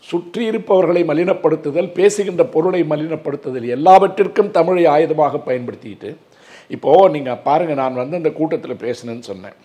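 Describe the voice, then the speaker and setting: A man's voice: a little high, fairly quick, dark tone. A man in his sixties, an advocate, speaking earnestly and emphatically in an interview, with a lot of filler words. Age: 60s.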